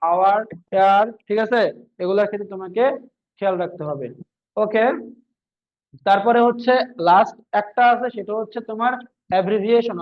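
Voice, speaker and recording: A man teaches an exam-prep grammar lesson in a fairly high voice. He repeats his points and keeps asking whether it is clear. The sound is thin and tinny, like a phone line. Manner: repetitive, checks understanding with frequent questions.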